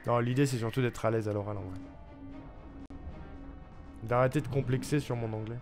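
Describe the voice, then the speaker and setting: A man's voice: mid-range voice, normal speed, a little mellow. A man from France chatting casually with viewers on a live stream, talking in a loose, hesitant way with lots of fillers and restarts. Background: background music.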